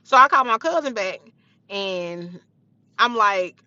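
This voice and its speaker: A young woman with a bright, forceful voice tells her story bluntly and with plenty of profanity. The sound is close and dry, with no room echo. It is a slightly dull, lo-fi phone recording. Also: mid-range voice, animated, takes it slowly. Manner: blunt, profane, heated retelling. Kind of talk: casual storytime monologue.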